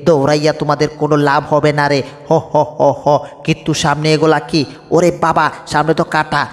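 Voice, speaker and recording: A man's voice: on the high side, level tone, a little fast, natural voice. A man voicing a gloating, greedy male lion villain in a homemade cartoon dub, cackling and boastful. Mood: panicked. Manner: cackling and boastful, wails when hurt. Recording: long reverb, echoey room.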